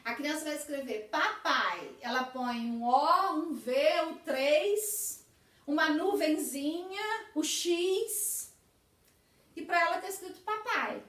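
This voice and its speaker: High-voiced woman teaching in an echoey room. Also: lively intonation, takes it slowly, fairly bright tone. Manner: patient, explanatory, often ends points with tag questions. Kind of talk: recorded lecture explaining literacy stages. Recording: echoey room, voice from a distance from the mic.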